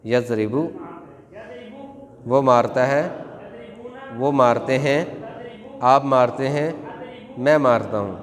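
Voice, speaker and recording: A man's voice: medium pitch, slow pace, pauses often. Man chanting Arabic drills in a reverberant hall. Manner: chants verb conjugations in rhythmic recitation. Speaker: Quran teacher. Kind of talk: classroom Arabic grammar drill. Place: mosque classroom.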